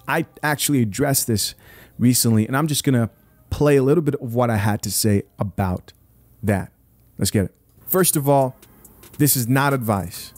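A man's voice: medium pitch, darkish tone. Blunt Zambian-born man hosting a podcast. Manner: blunt, emphatic, addresses viewers directly. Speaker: podcast host. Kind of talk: opinionated commentary. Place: small home studio room, indoors. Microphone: close studio mic, wearing headphones.

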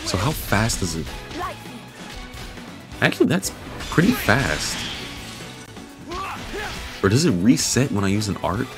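A man's voice: fairly low pitch, sing-song, unhurried, long pauses, music in the background. A young man casually commentating a video game playthrough, rambling to himself and swearing freely. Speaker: gaming video creator. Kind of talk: casual let's-play commentary.

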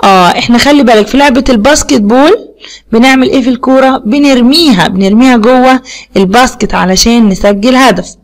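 A woman's voice: on the high side, fast talker. Egyptian woman teaching children English. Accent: Egyptian Arabic. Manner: patient, repeats each word and asks the children questions. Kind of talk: recorded video lesson.

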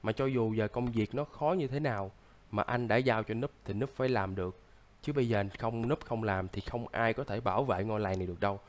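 A man's voice: lowish voice, fairly quick, lightly acted. A man voicing a sick young man who acts as a stern, lecturing big brother, coughing now and then, in casual game role-play.

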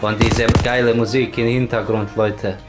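Over blaring game music and gunfire, a man with a mid-range voice narrates his gameplay at normal speed in a flat delivery. He's a let's play gamer who swears often and keeps pushing the game along with repeated words.

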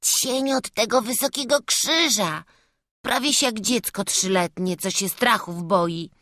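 A woman voicing a cheeky, brave peasant boy apprentice in an audiobook, bold and quick to protest. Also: mid-range voice, pushed and bright, no room sound, studio quality. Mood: teasing, brave. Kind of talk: audiobook character voice.

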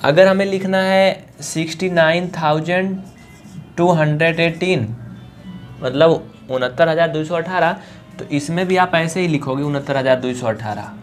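A man's voice: a little high, moderate pace, soft background music. A man teaching a basic math lesson at a board, often asking the class a question and then answering it himself. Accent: Hindi-speaking Uttar Pradesh.

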